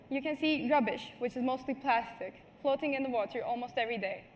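Wearing a headset mic, a Turkish student in her teens delivers a prepared talk to a seated audience from a large stage. Her voice is a little high and her manner earnest, marked by small restarts and apologies, with slight background noise.

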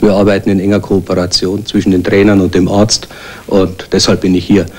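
A man, the team doctor, calmly explaining his work in an interview in an indoor treatment room. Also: sits low, a little fast. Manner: calm, matter-of-fact explanation. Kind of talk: interview statement.

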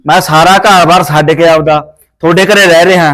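A man's voice: fairly high pitch, fairly even intonation, a little fast, a bit bright, faint music behind. A young man playing a rude, domineering son-in-law who barks orders at his family. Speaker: actor playing a drunk, bossy son-in-law. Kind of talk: family short film acting.

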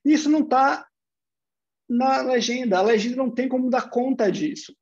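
Speaking in a very high voice at normal speed, a man with a Brazilian Portuguese accent gives an online university lecture, working through the material step by step and posing rhetorical questions. The sound quality is lo-fi.

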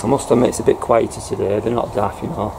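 Talking fast with fairly even intonation, a middle-aged man chats to the camera about pest control with an airgun from a farm building loft indoors. He's laid-back and conversational, using fillers such as "you know," while noisy outdoor-farm ambience is heard.

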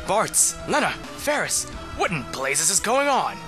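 A man's voice: sits high, sing-song, a little slow, over music, pitched above the performer's own voice. A man voicing a bold, blustering old grandfather warrior from a video game, exclaiming and commanding. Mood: alarmed.

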